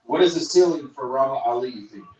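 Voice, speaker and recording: A man's voice: mid-range voice, animated, fast. A man co-hosting a live boxing watch-along in casual chat. His voice comes through muffled, as if underwater, and he repeats his questions when others cannot hear him. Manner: asks questions and repeats them when not heard. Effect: muffled underwater-sounding audio. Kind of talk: casual chat and fight commentary. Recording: muffled, roomy, far-off call audio over crowd noise.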